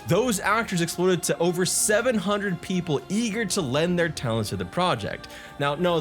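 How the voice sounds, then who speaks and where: A man's voice: a little high, a bit bright. A man hosting a casual gaming news video, enthusiastic with self-deprecating asides.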